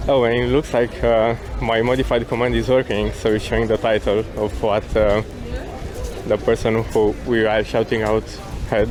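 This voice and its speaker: A man's voice: on the low side, level tone, moderate pace, a crowd in the background, rough recording. A man from Romania, an IRL streamer, chatting casually with his viewers as he walks outdoors through a city. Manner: laid-back, thanking chat viewers by name. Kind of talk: casual live-stream chat while walking. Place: outdoors on a city square and promenade. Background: music playing nearby.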